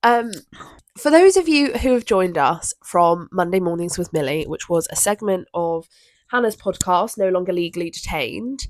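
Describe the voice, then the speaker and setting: A woman's voice: on the low side, lively intonation, normal speed, no echo. Giggly young Southern English woman. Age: 20s. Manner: giggly, rambling, easily sidetracked. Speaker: podcast co-host. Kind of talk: casual chat. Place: room with an open window.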